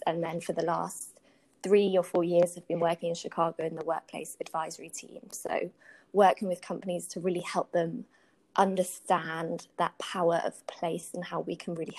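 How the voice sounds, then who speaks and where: A British woman, a workplace strategy consultant, speaks articulately and conversationally about her professional work as a podcast guest. Her voice is on the low side, gravelly and darkish with a breathy edge, and the recording quality is low.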